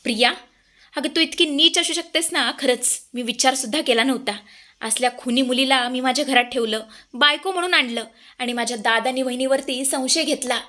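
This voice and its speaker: Brief: woman reading an outraged young husband, bright and high. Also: a little fast. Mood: angry shock. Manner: pleading, indignant. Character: angry, shocked young husband.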